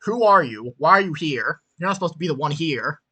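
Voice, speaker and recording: Guy doing a gruff swearing thug in a yellow coat, bright pushy voice, firing off questions. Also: fairly high pitch, racing. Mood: hostile. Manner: gruff interrogating, demanding questions. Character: tall muscular man in bloody yellow coat, hostile, foul-mouthed.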